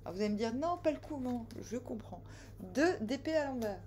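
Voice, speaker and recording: A woman giving a casual tarot reading who talks straight to her viewers, joking, teasing and scolding them, with sudden loud bursts and quiet asides. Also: on the high side, lively intonation, fairly quick, slight background noise. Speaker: tarot reader.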